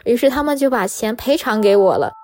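High-voiced woman telling her story. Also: brisk. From China. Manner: animated, emotional retelling with many fillers. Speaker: storyteller recounting a scam. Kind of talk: personal story narration.

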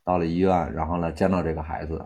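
Low-voiced man telling a raw story. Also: little pitch movement, creaky, darkish tone. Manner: halting, many restarts and fillers, rising heat when angry. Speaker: volunteer aid worker telling his story. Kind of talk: casual spoken storytelling.

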